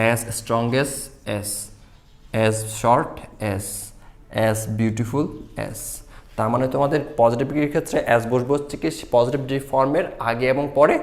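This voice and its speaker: Fast-talking male grammar teacher. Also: medium pitch, darkish tone. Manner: repetitive explaining, asks and answers own questions. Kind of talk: English grammar lesson.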